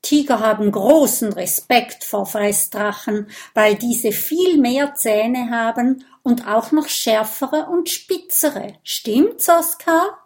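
A woman's voice: a little high, animated, takes it slowly, hardly any pauses, darkish tone. A woman voicing an eager young boy dragon in a children's audiobook. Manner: eager, enthusiastic.

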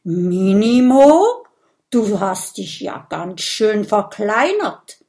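A woman voicing a giant, gentle old male grass dragon who talks slowly and ponderously in a children's audiobook. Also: mid-range voice, sing-song, exaggerated voice. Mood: surprised. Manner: slow, ponderous, clears his throat.

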